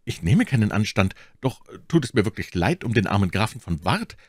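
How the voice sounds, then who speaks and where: A man voicing a gallant, flattering young swordsman in a courtly, earnest way. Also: fairly low pitch, a little fast, dry recording, clean studio sound, pitched above the performer's own voice.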